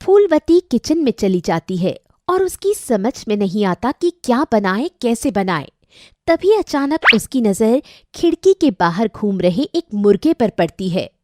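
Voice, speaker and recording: Female storybook narrator, high animated voice, unhurried pace. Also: no room sound.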